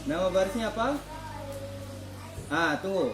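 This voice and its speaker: A man's voice: high voice, animated, a little slow, over music. A man teaching children to read the Quran in a classroom, patiently quizzing them and praising their answers. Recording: echoey classroom.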